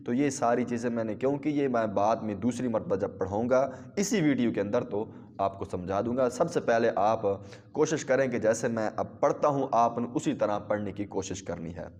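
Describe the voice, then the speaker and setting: A man teaching a recorded Qaidah lesson, explaining step by step with pauses and drawing out letters as models. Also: lowish voice, a little mellow, in a large hall. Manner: drawn-out model pronunciation of letters. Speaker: Quran teacher.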